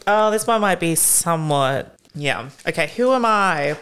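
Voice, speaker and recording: A woman's voice: lowish voice, expressive, measured pace, a bit bright, slight background noise. A woman co-hosting a casual chat, easygoing and self-deprecating, laughing often. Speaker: co-host.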